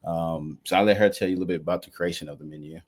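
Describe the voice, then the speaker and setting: Food truck guy talking easy, lowish voice, goes animated. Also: very fast. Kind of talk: casual chat.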